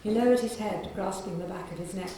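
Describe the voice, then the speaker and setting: In a library room full of echo and faint background noise, a novelist from England reads from her book for an event. Her mid-range voice is soft and croaky, mellow and dark in tone, and she reads in a measured, unhurried way, pausing to clear her throat.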